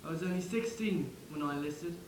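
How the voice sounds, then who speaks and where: Cast as the wry ghost of a young English soldier from the First World War, a man delivers a wistful theatrical monologue, chatting directly to the listener in a lightly acted way. His voice is fairly high, fairly quick and a little mellow, and the poor, roomy audio carries slight background noise.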